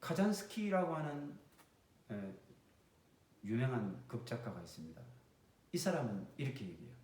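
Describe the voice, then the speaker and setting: A man's voice: medium pitch, normal speed. A male pastor preaching a sermon in a church, acting out the voices he quotes. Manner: animated, acts out quoted speech in the sermon. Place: church sanctuary. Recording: roomy church echo, distant mic.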